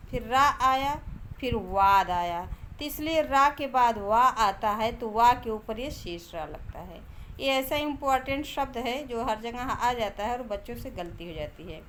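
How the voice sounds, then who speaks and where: High-voiced woman teacher explaining grammar. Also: fairly bright tone, slight background noise. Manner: patient, repeats points with checking tags.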